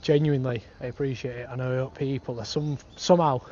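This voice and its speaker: Walking through city streets and a park, a British man chats to his travel vlog in a slangy, laddish way. He speaks a little fast, with a mid-range, darkish voice and fairly even intonation. Street noise runs through the dull, lo-fi outdoor audio.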